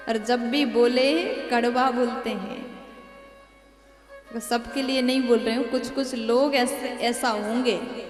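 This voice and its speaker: A woman preacher telling a devotional story and urging her audience, in a slow teaching manner. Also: sits high. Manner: slow, preachy, addresses the crowd directly. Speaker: katha preacher. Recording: echoey hall with faint music.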